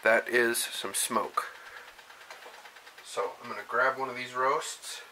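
Standing at his kitchen stove, a young man hosting a home cooking show speaks slowly at medium pitch, relaxed and folksy as he tells the camera each step. He's picked up by a camera mic while off frame and moving around, with kitchen noise and a sizzling, frying pan in the background.

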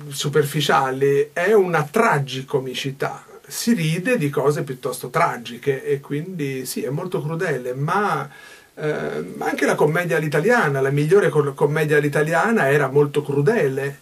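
A man's voice: fairly high pitch, a little slow, husky. A stage actor in his fifties gives a backstage interview in a small dressing room. He talks thoughtfully, gestures a lot and often restarts mid-phrase.

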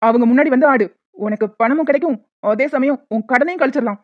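A brutal male moneylender from a cartoon, acted by a woman, crude and threatening. He talks fast and a little high. The sound is thin and phone-like, with no room echo. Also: natural voice. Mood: menacing. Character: menacing male loan shark, brutal and lecherous. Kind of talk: cartoon voice dubbing. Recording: tinny phone-like, dry.

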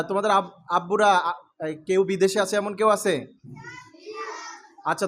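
A man teaching English to a room of schoolchildren, asking questions and calling out letters loudly. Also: high voice, a little hiss or hum. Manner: calls out questions and drills the class, often loudly. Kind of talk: classroom lecture to students. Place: classroom with pupils.

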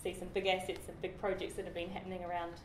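Being interviewed as a project engineer, a young woman from New Zealand talks at a quick pace in a fairly low voice with her New Zealand accent. Her casual chat is full of fillers and restarts, recorded in a roomy, large-windowed office meeting room with steady background noise.

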